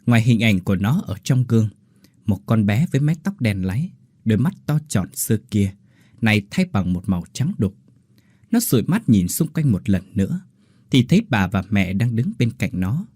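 A man's voice: fairly low pitch, very animated, normal speed, mellow, husky, no room sound, studio quality. A man narrating a horror story with dramatic delivery. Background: faint music.

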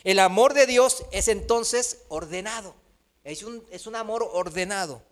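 A man preaching a sermon, asking rhetorical questions and tagging his points with a quick "¿no?". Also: high-pitched. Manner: rhetorical questions with frequent tag "¿no?"; acts out quoted voices.

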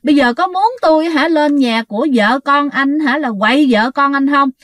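A woman voicing a middle-aged aunt, scolding a ghost forcefully. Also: a little high, brisk, no room sound, clean studio sound, close to an everyday voice.

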